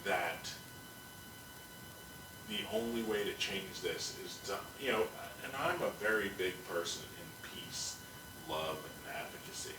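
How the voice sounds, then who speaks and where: Man, podcast host, blunt, profane, low-pitched, echoey distant recording, noisy. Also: animated, measured pace. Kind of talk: casual chat.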